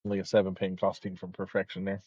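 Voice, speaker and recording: A man commentates live bowling in a loose, chatty way, pausing on fillers as he goes. His voice sits a little low, and the sound is dry and dull, like lo-fi stream audio. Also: monotone, slightly rough, no echo.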